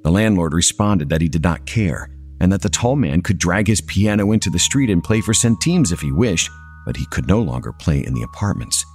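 A man narrating a scripted story in a measured way. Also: sits low, expressive, slight background noise.

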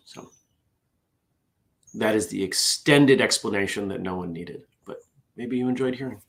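On a casual morning show, a middle-aged host speaks at normal speed in a lowish, creaky, somewhat bright voice. He chats away self-deprecatingly while reading out corny puns.

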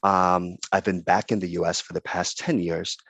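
A middle-aged man from the Dominican Republic, a guest in a casual interview, talking earnestly and haltingly with many pauses and restarts. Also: deep voice, flat delivery, creaky, fairly bright tone, no echo.

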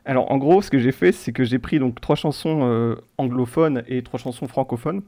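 A man hosting a casual quiz game among friends, chatty and repeating his rules, reading translated lyrics in a flat voice. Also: mid-range voice, normal speed. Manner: chatty, repeats himself, reads lyrics flatly. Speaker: quiz host.

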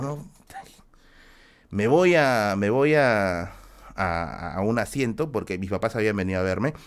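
A young man with a Peruvian Spanish accent telling a story in casual podcast talk, slangy and acting out quoted voices. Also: medium pitch. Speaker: podcast host.

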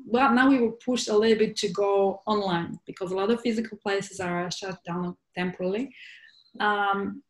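A woman from Poland speaks as a guest in a casual interview, searching for her words with frequent fillers and restarts. Her voice sits at a middle pitch and rings in a noticeably echoey room.

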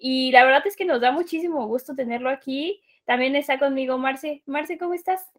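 A woman's voice: sits high, brisk, a bit bright. A woman hosting a podcast, upbeat and welcoming. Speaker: podcast host.

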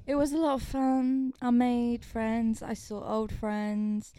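A woman's voice: on the high side, flat delivery, takes it slowly, mellow, no room sound. Dramatic woman podcasting. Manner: dramatic, self-mocking storyteller. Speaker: podcast co-host, musician. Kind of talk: casual chat.

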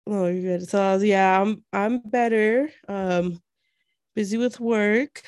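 A woman co-hosts a relaxed podcast, bubbly and quick to laugh, her voice a little stuffed up from a cold. The sound is dry and close, with no room around it. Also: mid-range voice, no room sound. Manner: bubbly, laughs often, playful. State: slightly congested from a cold. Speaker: podcast co-host. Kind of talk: casual chat. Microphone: remote call.

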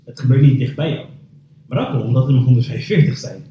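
A man in a casual podcast chat, calm and reasoning as he explains his point. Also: medium pitch, fast. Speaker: podcast co-host. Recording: roomy echo from off the mic, faint noise.

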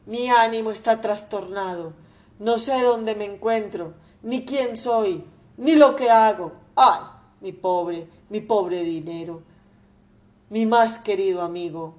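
A woman's voice: medium pitch, takes it slowly, darkish tone, lightly acted. A woman voicing an old miserly father who rages and wails over his lost money, in shrieking, desperate outbursts. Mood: despairing.

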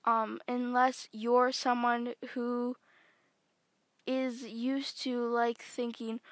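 Slow-talking teenage girl podcaster. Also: fairly high pitch, flat delivery, no room sound. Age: teens. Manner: rambling, chatty, many fillers and self-corrections. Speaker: podcast host. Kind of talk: casual solo podcast monologue. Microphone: close microphone.

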